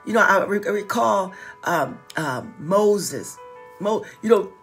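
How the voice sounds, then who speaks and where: In a small wood-paneled office, a middle-aged woman pastor livestreams a relaxed sermon with soft background music. She talks slowly in an animated mid-range voice, with a slight stutter and phrases repeated for emphasis.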